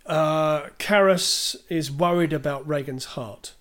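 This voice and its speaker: A man's voice: fairly high pitch, takes it slowly, a bit bright. A man co-hosting a podcast, chatting casually about a film, retelling its scenes and reading out listener questions. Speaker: podcast co-host.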